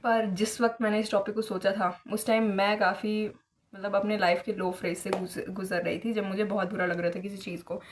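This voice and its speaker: A woman's voice: medium pitch, level tone, moderate pace, noisy background. Young woman vlogger from India, chatty and casual, tells stories with lots of fillers and mixes in English. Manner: chatty storytelling with many fillers; mixes English phrases into her talk. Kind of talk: casual vlog chat.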